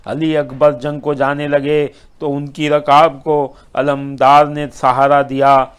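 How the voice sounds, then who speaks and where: A man's voice: fairly high pitch, level tone, clean tone. A male Sufi preacher narrating a mourning sermon in a dramatic, rhythmic storytelling manner.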